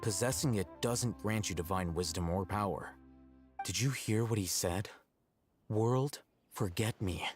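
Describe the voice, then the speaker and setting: Male actor as low-voiced young game scholar, detached, formal, analytical, music behind. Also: a little slow, lightly acted.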